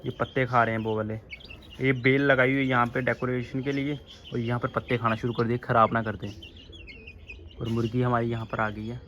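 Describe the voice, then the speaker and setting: A man's voice: medium pitch, little pitch movement, brisk, fairly bright tone. Young guy chatting to his viewers while he feeds his birds, outdoors, a bit of background noise. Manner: chatty, addresses viewers as friends. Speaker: vlogger keeping birds and rabbits. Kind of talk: casual vlog narration. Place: outdoor rooftop bird enclosure.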